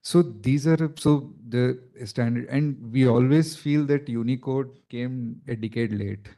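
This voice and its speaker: A man with a South Indian accent takes his turn on a conference panel. He explains things plainly and casually, leaning on "you know" again and again. His voice is mellow and low-key at an ordinary pitch. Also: a little slow.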